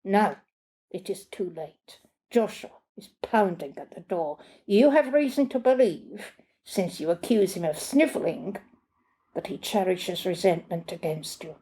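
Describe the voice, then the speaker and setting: A courteous older butler speaks with precise, formal diction, read by a woman telling her story. The delivery is slow and the tone mellow. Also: fairly low pitch, animated. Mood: calm.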